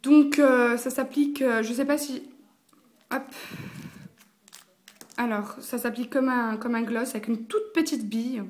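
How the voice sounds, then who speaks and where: A woman's voice: on the high side, measured pace, long pauses. A young woman, chatting casually through a makeup review, full of fillers and slang. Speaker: beauty vlogger.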